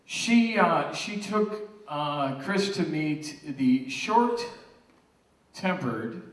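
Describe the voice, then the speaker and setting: Middle aged dad doing father of the bride speech, bit high voice, roomy noisy hall w crowd. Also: expressive, drawn-out words. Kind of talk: father of the bride speech, casual humorous storytelling. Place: large room with wedding guests. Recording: echoey noisy room, distant mic, crowd.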